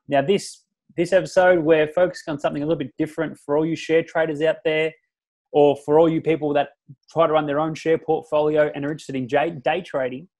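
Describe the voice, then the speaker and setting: A man's voice: on the high side, darkish tone. A man hosting an investing podcast, chatting in a casual, upbeat, matey way. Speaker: podcast host. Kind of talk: casual interview chat.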